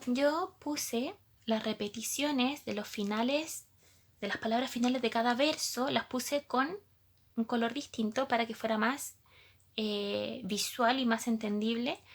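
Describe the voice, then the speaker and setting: A woman teacher, patiently explaining a lesson to young pupils and asking them questions as she goes. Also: on the high side.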